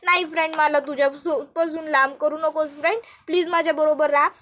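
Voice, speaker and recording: A woman's voice: sits high, steady tone, fairly quick, a bit bright. A woman voicing a clingy young woman who keeps pleading and repeating herself in a whiny way.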